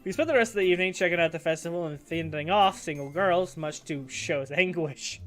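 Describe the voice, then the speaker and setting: A young man streaming a visual novel, reading the narration aloud with animated joking asides. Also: on the high side, brisk, soft background music.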